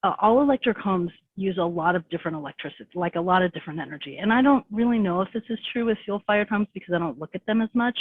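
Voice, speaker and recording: A woman's voice: medium pitch, no room sound. Woman presenting over a tinny call line. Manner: rapid, conversational, many fillers. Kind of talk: webinar presentation. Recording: tinny phone-like call audio.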